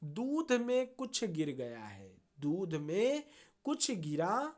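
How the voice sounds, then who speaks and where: A woman teacher explaining a grammar lesson to students, slow and deliberate, often checking in with a quick "okay" and repeating key terms. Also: fairly low pitch, very animated, a little mellow.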